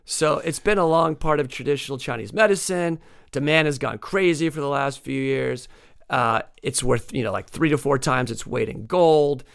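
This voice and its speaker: A man's voice: medium pitch, moderate pace, gravelly, smooth. A man hosting a casual radio show, eagerly explaining science facts with frequent restarts and laughs. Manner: enthusiastic explainer with lots of restarts, laughs often. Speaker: radio show host answering listener questions about science.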